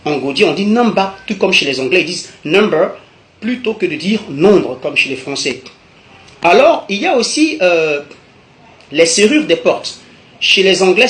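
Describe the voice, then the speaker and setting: Guy explaining words, pretty high voice, says everything twice, roomy echo. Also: fairly bright tone. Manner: methodical, repeats each term for emphasis. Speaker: language teacher. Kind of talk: explanatory video lesson. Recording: echoey room.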